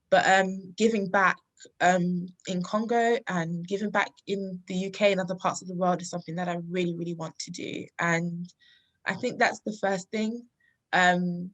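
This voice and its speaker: A woman's voice: medium pitch, fairly bright tone. Earnest woman in her thirties, from London. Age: 30s. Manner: earnest, reflective, laughs often. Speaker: podcast guest. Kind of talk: casual interview talk.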